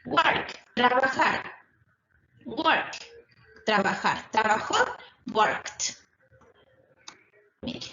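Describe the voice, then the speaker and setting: Slow-explaining woman teacher, echoey lo-fi. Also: a little high, lively intonation, fairly bright tone, slight background noise. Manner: slow, repetitive explaining with check-in questions. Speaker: English teacher. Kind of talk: recorded distance-school lesson. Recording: echoey, dull lo-fi room recording.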